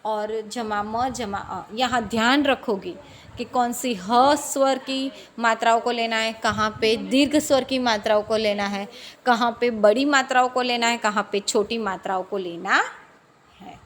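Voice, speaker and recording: A woman's voice: fairly high pitch, steady tone, unhurried, a bit bright, a little hiss or hum. A woman teacher explaining a lesson patiently, spelling out letters and asking her own questions.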